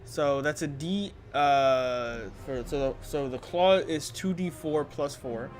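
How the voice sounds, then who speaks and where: A man's voice: fairly high pitch, slow. A man narrating and refereeing a tabletop role-playing game as game master, with playful, dramatic storytelling and casual language. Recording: music playing clearly behind the voice.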